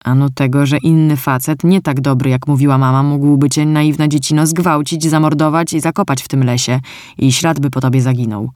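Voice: mid-range voice, fairly even intonation, a little fast, a little mellow, no echo, studio quality, natural voice. A storyteller voicing a grown man, a guarded stranger who speaks bluntly and ironically. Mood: gruff.

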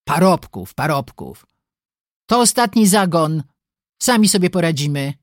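A narrator voicing a brisk young farmer who orders his sisters about. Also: mid-range voice, lively intonation, no echo, studio quality, voice pushed up, lightly acted. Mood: dismissive. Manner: brisk and commanding.

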